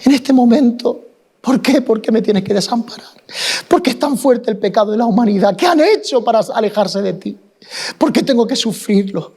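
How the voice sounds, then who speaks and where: A preacher voicing Jesus on the cross, solemn. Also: male voice, very high voice, expressive, normal speed, darkish tone, husky, full character voice. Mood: anguished. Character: suffering Jesus on the cross, grave and tender.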